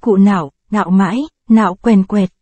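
A woman narrating a short story in a measured, expressive way. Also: mid-range voice, breathy edge, no room sound.

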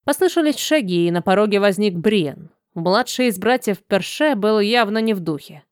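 A woman narrating a fantasy audiobook in an expressive, measured way. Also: mid-range voice, no echo, studio quality.

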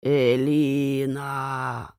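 A woman's voice: very deep voice, flat delivery, a little mellow, dry recording, studio quality, exaggerated voice. Woman voicing an old seer's disembodied voice. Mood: calling. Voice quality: hoarse old voice. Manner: slow, cryptic, speaks in riddles. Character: unseen old female seer speaking from darkness, a disembodied voice. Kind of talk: audiobook character voice.

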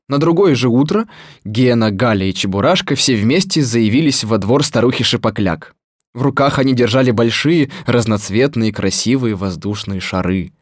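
A man narrates a children's storybook in a mid-pitched, calm voice. His delivery is measured and steady. The recording is dry and close. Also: no room sound.

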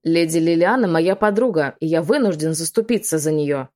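A woman's voice: low voice, normal speed, dark tone, close to an everyday voice. Woman voicing a indignant young lord. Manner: growling, indignant.

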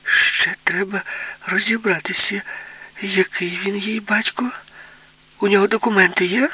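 Man doing a shrill defiant schoolgirl. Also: steady tone, moderate pace, breathy edge, lo-fi sound. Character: fierce spirited young schoolgirl.

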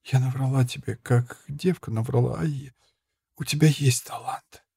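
A man's voice: medium pitch, steady tone, normal speed, creaky, dark tone, breathy edge, no room sound. A man reading the part of a dying young woman crossbow fighter, speaking weakly in a faint, breathless half-whisper. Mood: weak pained. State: gravely wounded, weak.

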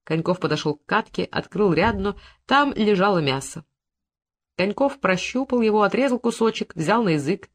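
Expressive audiobook narrator. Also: medium pitch, moderate pace. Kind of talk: scripted narration.

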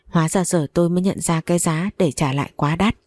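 A woman narrates a story in the first person, her reading heavy with sorrow. Her voice sits low with a dark, mellow tone. The sound is dry and close, with no room around it. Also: fast talker, dry recording.

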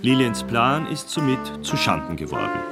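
A man's voice: mid-range voice, big pitch swings, normal speed. A man narrating a scripted radio play in a wry, formal storytelling manner. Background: music under the voice.

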